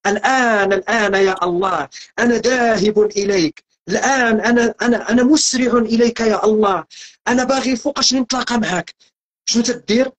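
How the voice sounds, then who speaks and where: A man's voice: extremely high pitch, fairly quick. A man with a Moroccan accent giving a spiritual teaching talk as a religious guest, earnest and emphatic, repeating phrases as he builds each point. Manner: earnest, repetitive, preaching emphasis.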